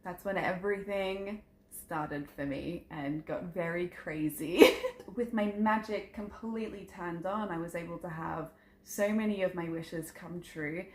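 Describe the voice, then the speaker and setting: Unhurried and fairly low-pitched, this psychic content creator of around thirty introduces herself in a chatty, earnest vlog, with plenty of ums as she talks about her family and spirituality. The sound is roomy and echoey, with faint ambience in the background.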